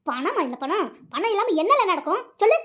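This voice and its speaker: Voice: very high voice, big pitch swings, a little fast, noisy background. A performer voicing a domineering, money-minded middle-aged mother in a cartoon, scolding her son in a bossy, colloquial way. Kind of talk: cartoon voice acting.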